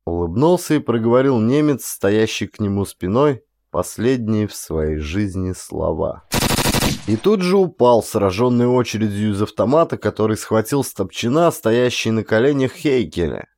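A man narrating a war story in a measured, dramatic reading. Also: fairly low pitch, big pitch swings, a little mellow, no echo. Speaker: audiobook narrator. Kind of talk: scripted narration.

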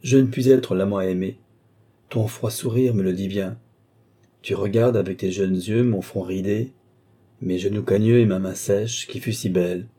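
Wily old noble marshal, read by a man: dark husky tone, scheming, sharp exclamatory jumps. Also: fairly low pitch, steady tone, moderate pace. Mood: musing. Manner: exclamatory, mocking, rising to sharp outbursts. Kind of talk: audiobook reading of a classic novel.

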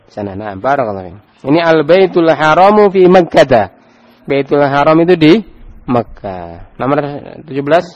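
A man's voice: on the high side, sing-song, normal speed, muffled recording. A man with an Indonesian Javanese accent teaching an Arabic grammar class, quizzing his students and prompting them to read aloud. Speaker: Islamic teacher.

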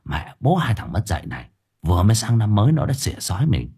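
A man's voice: on the low side, wildly swooping pitch, fast, warm tone, husky, heavily acted. A man voicing a grumpy, celibate uncle who sulks and grumbles, in a comic audio story. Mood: huffy. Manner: huffy, sulky.

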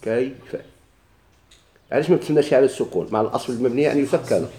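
A man with a Moroccan Arabic accent teaches a grammar class at a quick clip. He keeps firing questions at his students and answering them himself. His voice is mellow and a little dark, and it carries an echo from the room. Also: medium pitch. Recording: echoey room.

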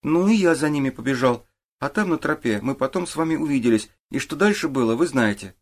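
A man's voice: medium pitch, expressive, brisk, voice pushed up. A man reading an audiobook, voicing a sullen teenage boy who answers in grudging mumbles. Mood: explaining. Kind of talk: audiobook character voice.

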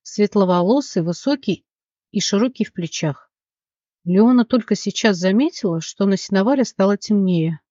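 A narrator reading a fantasy novel aloud, steady and dramatic, in a mid-pitched voice. The recording is close and dry, with a slightly dull, muffled top end. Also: normal speed, dry recording. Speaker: audiobook narrator.

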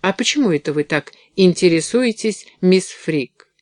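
A man reading an audiobook, voicing a furious, sharp-tongued woman talent agent who snaps and scorns. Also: high-pitched, animated, moderate pace, dry recording, clean studio sound, pitched above the performer's own voice. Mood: bitter. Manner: snapping, scornful.

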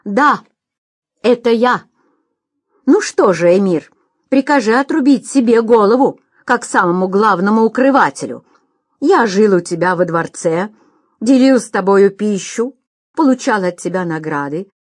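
A woman voicing a bold, defiant male hero in a storybook reading, speaking in loud, ringing proclamations. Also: medium pitch, animated, a little slow, dry recording, studio quality.

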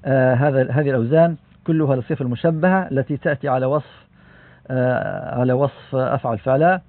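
A man teaching Arabic grammar from a classical book, explaining in a measured way with frequent "aah" fillers and self-corrections. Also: medium pitch, no echo. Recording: dry, tinny phone-like sound.

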